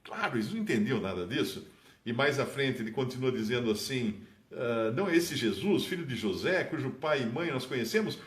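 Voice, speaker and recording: Male preacher, conversational teaching tone, animated delivery with big pitch lifts, roomy recording. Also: a little fast. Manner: animated, dramatic rises in pitch on key phrases. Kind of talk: informal Bible teaching.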